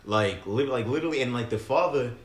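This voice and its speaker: A man's voice: mid-range voice, fast talker, roomy sound. A man co-hosting a podcast, telling a story in a casual, slangy, profane way. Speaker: podcast co-host. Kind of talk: casual chat.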